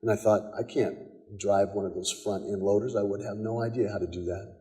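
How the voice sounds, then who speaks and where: A man's voice: on the low side, fairly even intonation, a little fast, dark tone. A man with an American accent, a pastor delivering a conversational sermon in a church, telling stories with quoted dialogue and frequent repetitions. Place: church sanctuary. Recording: long church hall reverb.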